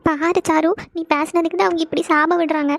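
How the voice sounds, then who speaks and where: A woman voicing a gentle, tearful young bride-to-be in a cartoon, soft and pleading. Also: very high-pitched, flat delivery, fairly quick, vocal fry. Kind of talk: cartoon voice acting.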